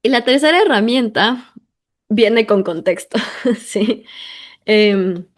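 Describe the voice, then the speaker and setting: Brief: woman, podcast host, emphatic and chatty, voice a touch high. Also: slow. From Ecuador. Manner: emphatic, talkative, piles up intensifiers and "o sea" fillers. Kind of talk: personal monologue.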